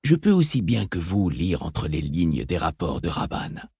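A man voicing a calm, calculating mentat advisor in an audiobook, soft-spoken and reasoned. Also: sits low, unhurried, breathy edge, no echo, clean studio sound, pitched below the performer's own voice, full character voice. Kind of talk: audiobook reading.

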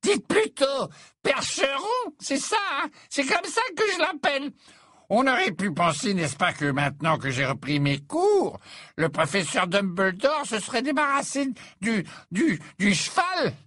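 A drunk, indignant old seer woman who stammers and repeats herself, her voice pushed far up into a shrill, swooping register, as a male reader puts her on. The husky tone cuts through a dry, close recording. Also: sing-song, measured pace, bright, forceful tone, dry recording, exaggerated voice. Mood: tipsy indignant. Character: tipsy, indignant older female seer teacher.

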